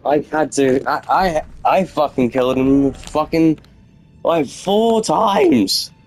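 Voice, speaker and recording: Young male gamer, gravelly voice, slow delivery, constant swearing and rage. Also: a little high, a little mellow, soft background music, poor audio. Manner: swears constantly, rages at the game. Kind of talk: let's play commentary.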